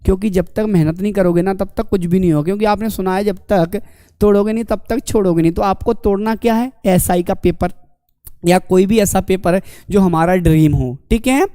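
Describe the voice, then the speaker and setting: A man's voice: high-pitched, fairly quick, warm tone, clear, resonant tone, dry recording, studio quality. A man teaching an online exam-prep lecture, asking the class questions and answering them himself, calling the students his dear companions.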